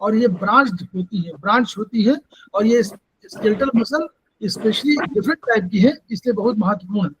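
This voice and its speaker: A man's voice: high-pitched, moderate pace, a bit bright, a little hiss or hum, poor audio. A man teaching acupressure over a video call, firmly correcting and directing students to points. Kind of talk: instructive explanation.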